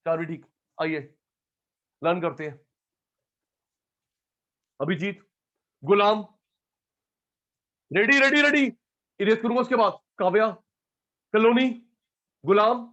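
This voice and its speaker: A man teaching economics in a live classroom lecture, calling on students by name and swinging between loud calls and quiet asides. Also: high-pitched, highs cut off.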